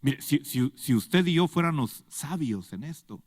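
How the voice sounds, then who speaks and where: A man's voice: on the high side, lively intonation, measured pace, no echo, clean studio sound, long reverb tail. A man preaching a sermon to a congregation, pressing them with rhetorical questions. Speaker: pastor. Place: church.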